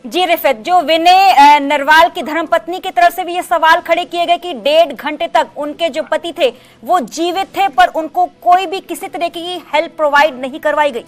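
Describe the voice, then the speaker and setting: A woman anchoring a news bulletin, formal and steady, questioning a reporter. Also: very high voice, moderate pace, hardly any pauses.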